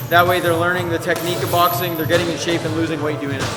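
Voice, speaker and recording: A man who coaches at a boxing gym, answering interview questions in a plain, matter-of-fact way with filler pauses. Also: on the high side, level tone. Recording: echoey hall with loud music.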